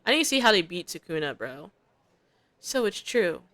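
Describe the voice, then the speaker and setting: A woman's voice: lowish voice, big pitch swings, moderate pace, fairly bright tone, no echo. Chatty young woman reading a game aloud. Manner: chatty, slangy asides between narration. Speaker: streamer. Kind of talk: reading a visual novel aloud with casual commentary.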